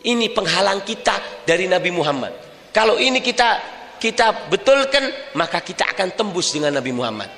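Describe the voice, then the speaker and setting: A man with a Madurese accent preaching a lively sermon to a women's gathering. He talks emphatically and keeps asking the crowd rhetorical questions. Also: sits high, a little fast, soft background music. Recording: echoey reverberant hall.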